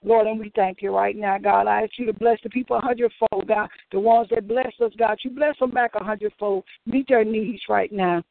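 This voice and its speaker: A man's voice: high voice, steady tone, a little fast, creaky, hardly any pauses, dry recording. A man leading a fervent spoken prayer, saying "Lord God" between each phrase. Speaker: prayer leader. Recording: tinny phone line, dry.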